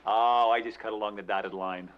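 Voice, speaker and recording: An actor playing a sardonic army surgeon who trades dry quips in fast banter, in a 1980s sitcom. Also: male voice, fairly low pitch, steady tone, natural voice. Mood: wry. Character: quick-witted sardonic male army surgeon. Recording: muffled hissy old TV audio.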